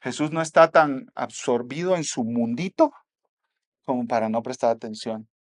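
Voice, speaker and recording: A man with a Mexican accent preaching a sermon as pastor, swinging between soft asides and loud exhortation. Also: medium pitch, moderate pace.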